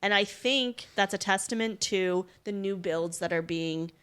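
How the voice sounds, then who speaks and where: A woman's voice: medium pitch, a little slow, fairly bright tone, clean tone. A woman co-hosting a podcast, chatting through figures and adding her own asides. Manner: chatty, explains numbers with asides. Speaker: podcast co-host. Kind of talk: casual podcast chat with market figures.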